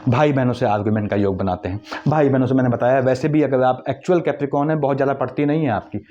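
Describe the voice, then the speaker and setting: A man giving a quick, lecturing astrology forecast, weaving English terms into his explanations. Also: medium pitch, mellow, highs cut off. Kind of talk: monthly horoscope talk.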